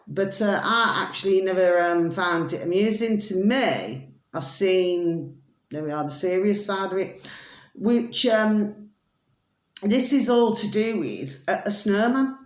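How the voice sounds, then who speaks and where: A woman's voice: mid-range voice, slow. A middle-aged woman with a broad Scottish accent, rambling casually to her viewers with repeated affectionate catchphrases. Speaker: video blogger. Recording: echoey room.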